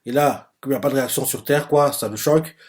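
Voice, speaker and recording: A man's voice: mid-range voice, fast, darkish tone. Hesitant man summarizing manga chapters live. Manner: hesitant, explains as he goes, filler-heavy with frequent "euh" and "en gros"; reads other people's lines aloud in his own voice, summarizing. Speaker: manga reaction channel host. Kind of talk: live manga reading and reaction.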